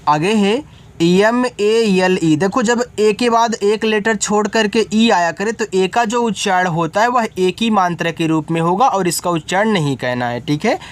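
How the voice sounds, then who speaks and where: A man's voice: high-pitched, moderate pace, hardly any pauses. A man teaching beginners to read English, spelling each word letter by letter and then explaining it, often checking whether the learner follows.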